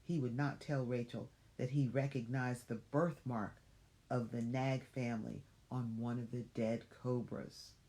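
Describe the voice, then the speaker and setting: A woman's voice: rumbling low, fairly even intonation, measured pace, warm tone, poor audio. A woman reading a children's story aloud as if to a toddler, dramatic, with questioning asides to the young listener.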